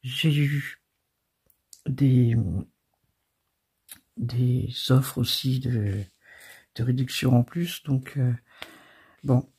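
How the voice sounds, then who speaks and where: A woman hosting a crafting channel, showing off her craft supplies in a chatty, halting way with many fillers, and often giggling and teasing herself. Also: rumbling low, a little mellow, slightly rough. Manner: giggly, self-mocking. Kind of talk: casual show-and-tell of craft supplies.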